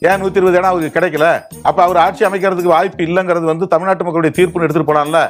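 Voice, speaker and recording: A man's voice: high-pitched, steady tone, racing, soft background music. A man, a political commentator, arguing his point in an interview answer. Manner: argumentative, reasoning aloud.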